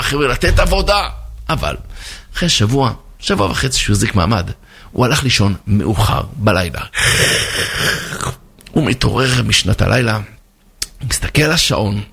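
A man, a rabbi, telling a parable in a sermon, animated, with sound effects and acted voices. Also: medium pitch, gravelly, breathy edge. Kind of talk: storytelling sermon.

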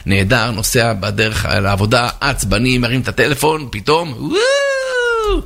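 A man, a rabbi, telling a parable in a sermon, animated, with sound effects and acted voices. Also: mid-range voice, creaky. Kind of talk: storytelling sermon.

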